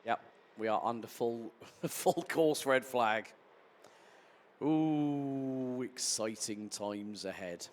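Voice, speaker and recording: A man commentating live on a kart race, turning excitable at incidents and chatty in between. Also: medium pitch, slow pace. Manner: excitable, rising sharply at incidents then settling into chatty explanation.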